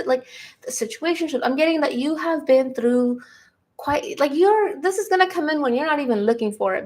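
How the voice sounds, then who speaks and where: A young woman giving a tarot reading, giddy and excitable, laughing at times and repeating key lines for emphasis. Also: fairly high pitch. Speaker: tarot reader. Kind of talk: collective tarot reading to camera.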